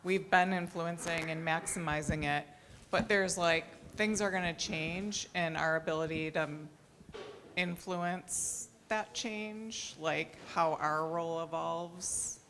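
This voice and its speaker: A woman in a meeting discussion, thinking aloud in a halting way. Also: lowish voice, steady tone, a bit bright, a little hiss or hum.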